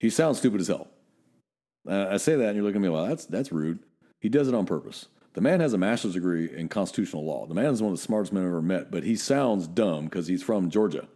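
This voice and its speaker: A man's voice: low-pitched, expressive, quick pace, mellow. A middle-aged man from Northern California, a police officer co-hosting a podcast, telling blunt, profane stories in casual chat.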